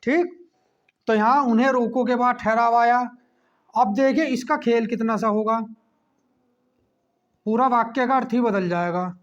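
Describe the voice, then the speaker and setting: A man teaching a class lesson, checking in with a quick "okay" between points as he explains. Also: extremely high pitch. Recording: dull lo-fi recording.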